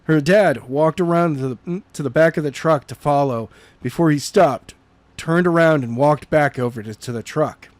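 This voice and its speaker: A fairly high-pitched man reads a novel chapter aloud in an unpolished, halting way, recorded with no echo. He stumbles often, repeating words and restarting.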